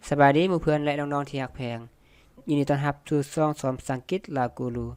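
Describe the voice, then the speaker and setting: An English teacher with a Lao accent, whose first language is Lao, gives a beginner lesson and says each English word slowly twice. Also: medium pitch, steady tone, darkish tone, smooth, no room sound.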